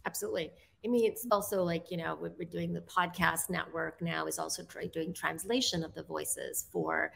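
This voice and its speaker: Woman, podcast guest, low gravelly voice, earnest, loose long sentences. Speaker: podcast guest, voice tech executive. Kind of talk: casual panel discussion.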